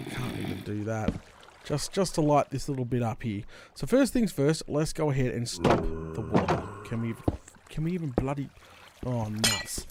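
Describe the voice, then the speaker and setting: An Australian man hosting a gaming video in casual commentary, rambling and thinking out loud in colloquial speech. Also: medium pitch. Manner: rambling, thinking aloud, with mild colloquial swearing. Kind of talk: casual Let's Play commentary. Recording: clear background noise, game clicks and water.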